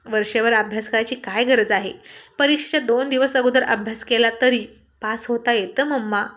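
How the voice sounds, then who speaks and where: A woman's voice: on the high side, steady tone, normal speed, a bit bright. Woman reading a family story aloud. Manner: reads every character herself in a light conversational tone. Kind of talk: scripted story narration.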